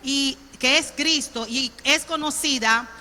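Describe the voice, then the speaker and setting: A woman's voice: high voice, slow, bright, forceful tone. A woman pastor from Colón, Panama, with a Panamanian accent, preaching a sermon in a conversational way and often checking in with the congregation. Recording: reverberant church hall.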